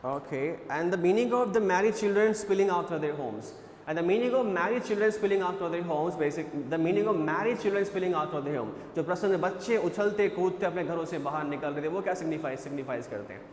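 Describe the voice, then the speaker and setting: A man's voice: sits high, unhurried, a little hiss or hum. Indian man teaching in an echoey room. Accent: Indian English. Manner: mixes Hindi and English, repeats phrases to explain. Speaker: school English teacher. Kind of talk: classroom lecture on a poem.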